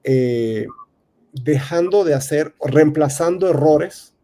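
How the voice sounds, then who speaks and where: Hesitant Venezuelan man, mellow voice. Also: fairly high pitch, slow pace. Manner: hesitant, many fillers and restarts. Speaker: real estate advisor, guest. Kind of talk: casual interview talk.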